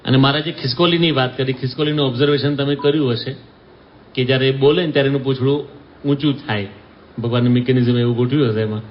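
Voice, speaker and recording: A man's voice: mid-range voice, fairly even intonation, fast talker. Man giving a storytelling sermon. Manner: storytelling, acts out quoted voices, mixes in English phrases. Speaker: swami giving a discourse. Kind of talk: devotional sermon with told stories. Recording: slightly dull recording with faint noise.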